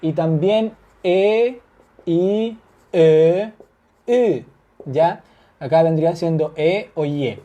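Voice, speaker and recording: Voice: medium pitch, extremely slow, highs cut off. A Turkish language teacher, giving a whiteboard grammar lesson, patient, repeating example phrases and checking understanding with tag questions.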